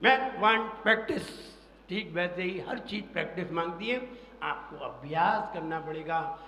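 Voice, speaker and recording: Slow high-voiced man teaching chant. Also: animated, sharp tone. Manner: slow, drilling repetition, chants verse lines. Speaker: monk teaching recitation. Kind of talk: pronunciation lesson within a sermon. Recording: echoey hall with faint ambience.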